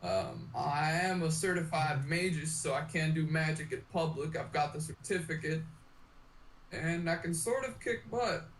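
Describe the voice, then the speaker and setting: A man's voice: a little high, a little slow, lightly acted. A young man voicing a boastful male wizard who has lost his memory, hesitant and bragging. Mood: hesitant boasting. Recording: distant mic, roomy echo, faint noise.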